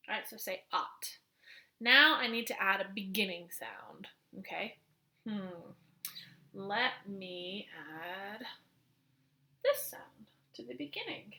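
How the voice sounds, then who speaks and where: Slow, bright-voiced kindergarten teacher. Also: female voice, medium pitch. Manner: slow, patient, stretching out letter sounds. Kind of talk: teaching phonics to young children.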